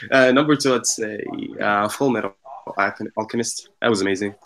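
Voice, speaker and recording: A man's voice: on the low side, moderate pace, rough recording. Laid back dude ranking his fav anime, swears a lot, gets hyped. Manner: loose, excitable, swears freely. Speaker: podcast co-host. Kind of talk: casual chat.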